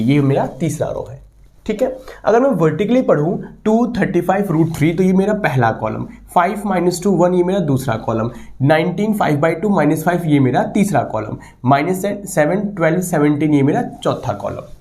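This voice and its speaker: A man teaching a maths lesson to students, talking them through each step and often checking with them. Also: fairly high pitch. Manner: animated, repeats "ठीक है" and asks students questions. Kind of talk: online maths lesson in Hindi mixed with English.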